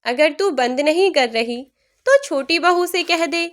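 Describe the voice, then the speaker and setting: A woman voicing an elderly mother-in-law who keeps calm while her daughters-in-law insult her. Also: high voice, measured pace. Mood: restrained. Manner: pleading, then scolding. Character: older mother-in-law, hurt but restrained.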